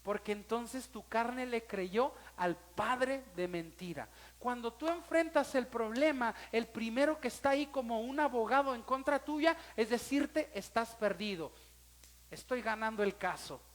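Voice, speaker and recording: A man's voice: very high-pitched, unhurried, few pauses. A man with a Mexican Spanish accent, a pastor giving a sermon and telling a personal story, emotional and speaking straight to his listeners.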